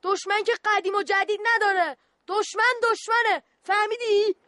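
A woman's voice: very high voice, steady tone, sharp tone, no echo. A woman voicing a bossy young boy who stands guard in a war game, in a radio play, talking in a stern, officious way.

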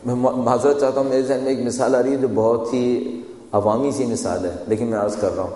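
A man's voice: mid-range voice, steady tone, dark tone. A man giving a sermon in a storytelling, conversational way, repeating phrases for emphasis. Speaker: preacher. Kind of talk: sermon with personal anecdotes. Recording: echoey hall with long reverb.

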